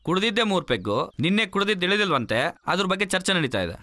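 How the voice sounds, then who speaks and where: A joking young pal, quick talker, lively bright voice. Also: male voice, high voice, no room sound, studio quality, full character voice. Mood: bantering. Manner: joking, bantering. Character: joking young male friend. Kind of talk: film acting.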